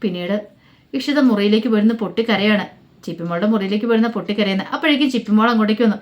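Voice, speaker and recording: Rapid-fire woman storyteller. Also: medium pitch, muffled recording. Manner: rapid, chatty retelling. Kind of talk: recapping a TV serial plot.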